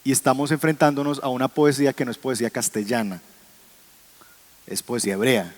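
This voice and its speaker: Hombre dando clase de Biblia. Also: male voice, mid-range voice, fairly even intonation, brisk. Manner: conversational, asks the class questions, chuckles. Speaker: Bible teacher. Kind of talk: classroom lecture.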